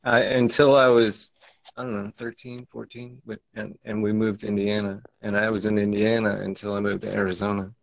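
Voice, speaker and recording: A man from Michigan speaks in a gravelly voice, stopping and restarting as he goes. The sound is close and dry. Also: fairly low pitch, little pitch movement, dry recording, low-quality recording. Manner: halting, with restarts. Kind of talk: casual chat.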